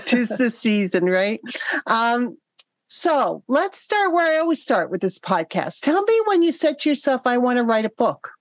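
A woman's voice: a little high, sing-song, normal speed, no room sound. A woman with a Boston accent hosting an interview podcast. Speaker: podcast host.

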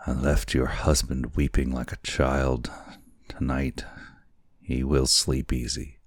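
A man reading an audiobook, voicing a kindly, frail old man in a soft, hushed voice. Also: very deep voice, little pitch movement, slow, no echo, studio quality, exaggerated voice. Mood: gentle. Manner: soft, hushed, half-whispered.

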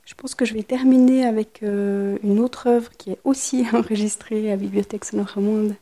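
A woman's voice: medium pitch, fairly even intonation, moderate pace, dark tone. A woman author giving a public reading of her own plays to a live audience, with commentary in between where she hesitates and searches for words.

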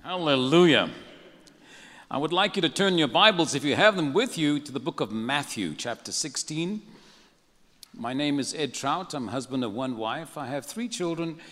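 A man's voice: a little high, expressive, normal speed, fairly bright tone, long reverb tail, soft background music. An older man from Africa, preaching a sermon in a humorous, conversational way. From South Africa. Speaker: pastor.

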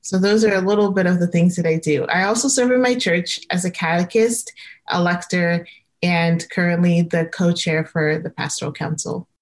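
Young woman, reflective guest, slightly low voice, casual interview. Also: steady tone, normal speed. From Maryland, United States. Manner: reflective, thoughtful storytelling. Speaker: podcast guest.

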